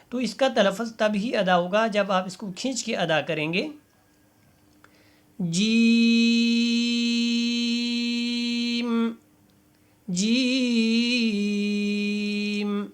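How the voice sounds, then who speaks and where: A man teaching a Quran reading lesson, drawing out each letter slowly and then explaining how to pronounce it, asking learners to repeat after him. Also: high voice, fairly bright tone. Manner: slow drawn-out letter recitation between explanations; patient instructive tone, asks learners to repeat. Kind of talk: step-by-step recitation lesson.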